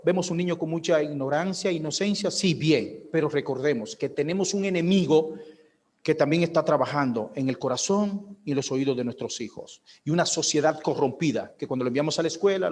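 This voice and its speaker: Male pastor, slightly high voice, preaching a sermon in a hall with long echo. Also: darkish tone. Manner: preaching with rhetorical questions, acting out a baby's and a mother's voices. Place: church hall.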